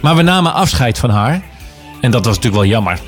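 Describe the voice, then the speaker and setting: A man's voice: medium pitch, very animated, fast talker, faint music behind. A man hosting a local radio show from the studio, chatting in a bubbly way and laughing often. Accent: Dutch. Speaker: radio host. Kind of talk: lively local radio chat.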